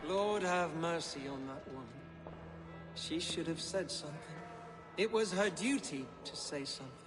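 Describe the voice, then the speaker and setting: A man's voice: a little high, moderate pace, big-room sound, music in the background, lightly acted. An actor playing a courteous, formal Saxon nobleman in a video game.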